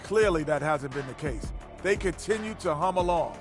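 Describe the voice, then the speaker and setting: A man giving measured, reflective basketball analysis as a studio pundit. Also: a little high, animated, over music, lightly acted. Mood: thoughtful.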